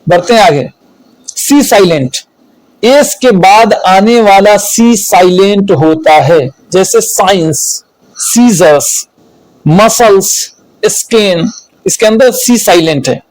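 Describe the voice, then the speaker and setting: A man teaching English spelling rules, slow and deliberate, repeating each rule and listing examples. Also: sits high, expressive, darkish tone, dry recording, low-quality recording. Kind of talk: spelling lesson explained in Hindi.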